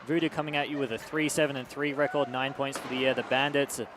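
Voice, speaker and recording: A man calls an amateur hockey game from a rink booth, chatty and easygoing, slipping into joking asides when he reads out sponsors. His voice sits at an ordinary middle pitch. A faint hum of noise runs under the booth recording. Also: level tone, quick pace. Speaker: play-by-play commentator.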